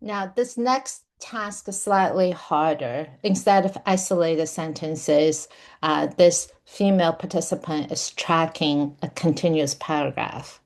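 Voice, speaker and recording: A woman with a fairly low voice gives a technical lecture. She explains each idea patiently, step by step, often pausing on fillers and restarting sentences. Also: a little mellow. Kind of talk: university lecture.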